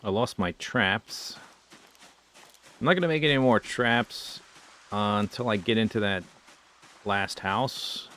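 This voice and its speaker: A man with a lowish voice mutters his way through a game, half talking to himself and half to viewers. He drifts between thoughts with a relaxed, unhurried ramble. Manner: muttering to himself, musing aloud. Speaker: streamer. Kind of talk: casual gameplay commentary.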